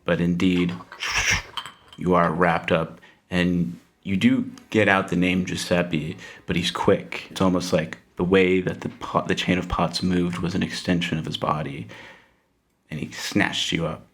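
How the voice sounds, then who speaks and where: A man's voice: low-pitched, level tone, unhurried, a bit bright. A man narrating a tabletop role-playing game as game master. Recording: roomy, echoing sound.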